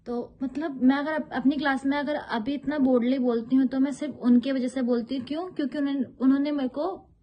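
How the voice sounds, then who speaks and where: A young Indian-born yoga teacher talks straight to her viewers in a casual, personal way. Her voice sits a little on the high side. She loops back on her words and repeats phrases as she goes. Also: fairly even intonation, fairly quick, lo-fi sound.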